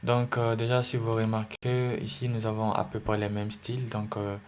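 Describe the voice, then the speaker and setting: A man with a fairly low, slightly mellow voice and little pitch variation talks at a normal pace while teaching a screen-recorded coding lesson. He thinks aloud, full of fillers and self-corrections. Slight background noise and faint keyboard typing and clicks can be heard.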